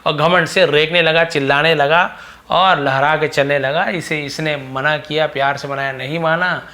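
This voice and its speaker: A man's voice: a little high, fairly even intonation, moderate pace, bright, forceful tone. A middle-aged man teaching English by reading a story phrase by phrase and explaining each word.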